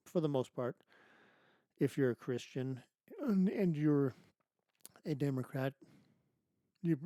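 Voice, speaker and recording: A podcast host delivers an emphatic political monologue on his own show, packed with rhetorical questions and restarts. His medium-pitched, dark voice is going hoarse as he loses it. There's no echo.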